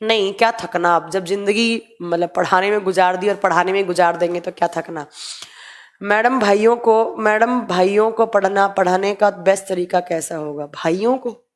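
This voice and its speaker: A young woman teacher running a live online class, reading out chat questions and answering them in a relaxed explaining way. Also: mid-range voice, moderate pace. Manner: explains in mixed Hindi and English, reads viewer comments aloud.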